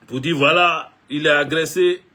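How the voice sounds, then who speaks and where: A man's voice: a little high, steady tone, normal speed, pushed and bright. A man, a political video blogger, talking casually and jokingly straight to his viewers. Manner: joking, chatty, addresses viewers directly.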